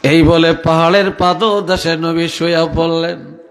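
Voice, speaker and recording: A male preacher delivers a slow waz sermon in a sing-song chant, his voice sitting a little high. He calls out questions to his listeners and climbs to shouted, high-pitched peaks. Faint music plays behind him. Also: flat delivery. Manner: calls out to the crowd and asks questions.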